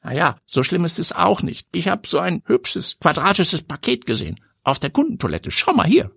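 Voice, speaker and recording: Guy putting on a whiny childish young man, way high, sing-song and husky. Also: very animated, moderate pace, a bit bright, no room sound, clean studio sound, heavily acted. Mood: sheepish. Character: wide-eyed, naive young man, childish.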